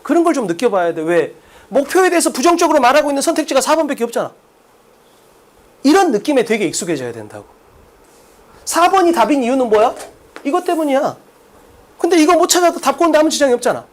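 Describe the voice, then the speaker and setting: A man's voice: very high-pitched, very animated, quick pace, long pauses. A man lecturing on exam English at a blackboard, blunt and brash, firing rhetorical questions at students. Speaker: English test-prep lecturer.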